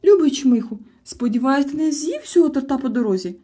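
A woman voicing a kind, fussing mother creature who talks gently and soothingly. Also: high voice, animated, fairly quick, voice pushed up. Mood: worried.

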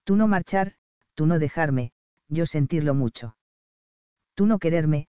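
A man's voice: a little high, expressive, measured pace, clean tone, dry recording, dull audio. A man voicing a proud young island woman who speaks in broken, simple phrases, hurt and earnest.

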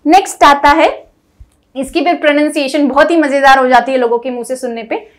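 A woman grammar teacher, explaining to viewers and reading example sentences slowly and deliberately. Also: high-pitched. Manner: reads English examples slowly and deliberately, mixing Hindi and English. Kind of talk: classroom-style lesson explaining to viewers.

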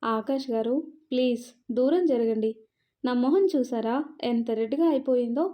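Woman as a bashful young wife, coy and fussing, high bright voice, muffled audio. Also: moderate pace, close to an everyday voice. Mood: shy, coy. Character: shy, sweet young wife.

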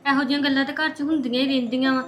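A woman's voice: sits high, steady tone, rapid-fire, a bit bright, a little hiss or hum. A woman acting in a family drama, pleading with and talking back to her relatives. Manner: pleading, placating, argumentative. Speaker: actor in a family drama, a younger daughter-in-law.

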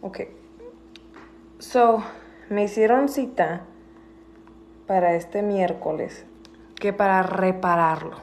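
A woman's voice: mid-range voice, takes it slowly, long pauses, a little mellow, a little hiss or hum. A woman, chatting casually on a livestream. She mixes with English, swears freely and sounds indignant. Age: adult with a school-age daughter. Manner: switches between Spanish and English, swears, indignant.

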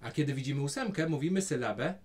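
A man's voice: mid-range voice, lively intonation, fast, a little mellow. A man teaching a child a rhythm in a music lesson, patient and encouraging, explaining each step.

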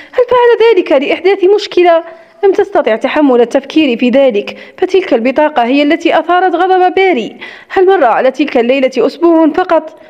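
High-voiced woman narrating a romance novel. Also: a little mellow, lo-fi sound. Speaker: audiobook narrator.

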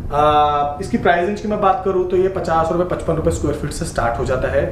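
A man's voice: on the high side, quick pace. A man in his thirties running a shop, explaining products and prices eagerly in a sales walkthrough. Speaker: shop owner showing products. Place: indoor wallpaper shop. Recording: echoey shop with noise.

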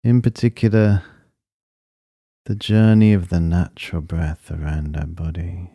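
A man leading a guided breathing meditation in a calm, soothing, unhurried way, with short phrases and long pauses. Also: low-pitched, no echo.

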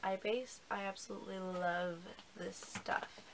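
A woman who is sick and hoarse, chatting casually about beauty products with lots of ums and restarts. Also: mid-range voice, steady tone, measured pace, noisy background. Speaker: beauty vlogger. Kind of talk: casual haul review.

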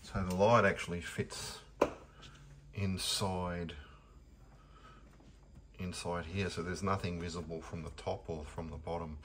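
Speaking in a deep, flat voice at a measured pace, this man pauses often as he shows off his kitchen and pantry at home. The casual tour is shot on a handheld phone, with plenty of fillers, restarts, and background noise.

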